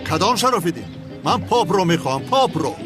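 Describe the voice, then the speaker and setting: A man's voice: sits high, very animated. A man dubbing a blunt, demanding film character, over music.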